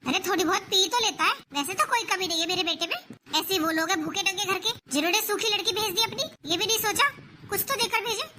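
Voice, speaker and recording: A woman playing a greedy, sharp-tongued middle-aged mother-in-law in a home-made family skit, scolding and nagging. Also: very high-pitched, fast talker. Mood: defiant. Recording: noisy home recording.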